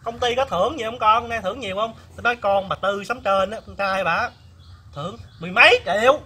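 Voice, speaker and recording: A man with a high-sitting voice talks a little fast while playing a chatty, nosy older village flower seller woman with a Southern Vietnamese accent in a comedy skit. The character is exclamatory and gossipy, set outdoors in a palm garden with loud background music.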